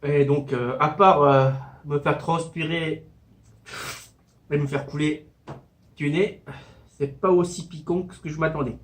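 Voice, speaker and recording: A man's voice: fairly high pitch, fairly even intonation, a little slow, pauses often. A man giving a casual mukbang-style food review, talking between bites as he eats spicy noodles.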